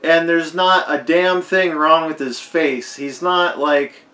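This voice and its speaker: A man with a hoarse, fading voice giving a rambling, unscripted movie commentary, leaning hard on "like". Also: fairly high pitch, fairly even intonation, slow pace, sharp tone. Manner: rambling, heavy use of "like". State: hoarse, losing his voice. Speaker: film commentator. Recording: echoey roomy recording.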